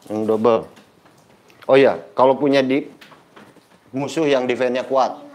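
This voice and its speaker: A man's voice: medium pitch, slight background noise. A middle-aged man, a badminton coach telling stories to teach his players and acting out the dialogue as he goes. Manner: lively storyteller acting out quoted dialogue. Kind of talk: casual coaching talk with anecdotes.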